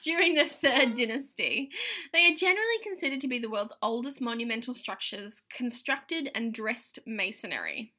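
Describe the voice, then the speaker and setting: This is a woman co-hosting a casual podcast. She reads facts aloud from her notes and keeps breaking into jokes. Her voice is bright and sparkly and swings freely up and down. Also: a little high, lively intonation, normal speed. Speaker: podcast co-host.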